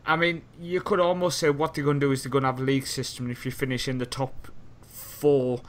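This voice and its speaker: A man's voice: medium pitch, little pitch movement, quick pace. A young man from Europe chats casually as a podcast co-host. He rambles from point to point, jokes around, and laughs often, in an ordinary mid-range voice.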